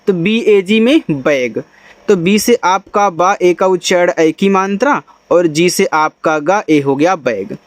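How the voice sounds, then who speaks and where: A man with a high voice, recorded dry, leads a patient Hindi-language lesson on reading English. Each word gets spelled letter by letter, sounded out, and repeated.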